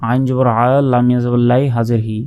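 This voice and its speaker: A man teaching Quran reading, spelling out letters and vowel marks one by one, then chanting each word in a long, drawn-out melody. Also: mid-range voice, level tone, darkish tone, clean tone, highs cut off. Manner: slow measured spelling with drawn-out melodic recitation. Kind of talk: spelling out and reciting Arabic verses.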